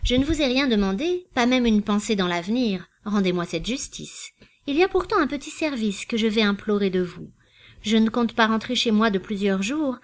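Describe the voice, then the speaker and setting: A woman reading a novel aloud, voicing a composed, courteous and quietly proud gentleman in a measured, formal way. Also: a little high, expressive, natural voice. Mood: earnest, polite. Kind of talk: audiobook reading.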